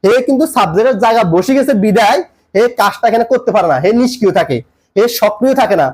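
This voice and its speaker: A man's voice: high-pitched, expressive, racing, a little mellow, husky. A man teaching English grammar in a tutorial lesson, repeating points and quizzing the viewer with questions as he explains.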